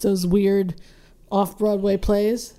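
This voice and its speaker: A woman co-hosting a casual chat, rambling with restarts and getting animated when she rants. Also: medium pitch, slow. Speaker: podcast co-host.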